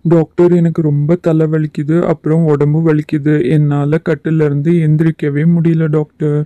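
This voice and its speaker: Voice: medium pitch, level tone, normal speed, mellow, no echo, lightly acted. A performer voicing a tired adult doll who complains of aches. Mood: weary. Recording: slightly dull lo-fi sound.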